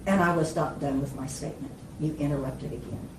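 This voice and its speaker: A woman judge firmly reprimanding lawyers in a courtroom, stern and measured. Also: low voice, steady tone, background noise. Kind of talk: courtroom ruling. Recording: echoey distant courtroom audio.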